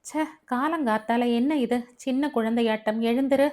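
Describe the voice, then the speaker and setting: Young husband in a storybook reading, bossy and scolding, read by a woman; higher voice. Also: normal speed, a little mellow, natural voice. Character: young husband, teasing then stern.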